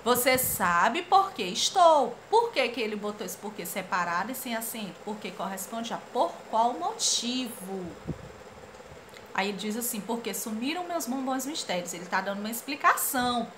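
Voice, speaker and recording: A Brazilian woman teaching a children's grammar lesson, animated and playful as she reads out comic strip lines. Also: a little high, moderate pace, noisy background. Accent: Brazilian Portuguese. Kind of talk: lively classroom lesson for children.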